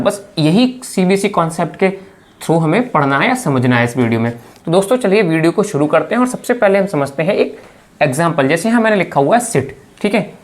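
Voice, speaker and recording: Woman, low pitch, grammar teacher, patient step-by-step video lecture. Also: darkish tone. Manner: explains step by step, repeats "friends" and "okay" often.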